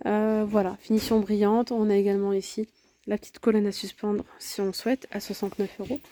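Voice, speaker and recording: A woman's voice: medium pitch, little pitch movement, fairly quick, dark tone. Chatty woman touring a store. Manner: chatty, lists prices and sizes, frequent fillers. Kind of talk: casual shopping walkthrough. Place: large home improvement store, indoors.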